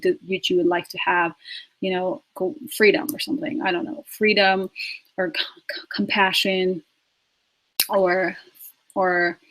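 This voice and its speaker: In a rough recording, a woman in her 20s who works as a life coach answers questions live about spirituality. Her voice sits fairly low with a fairly bright tone, and she's emphatic and repetitive, with laughs and restarts.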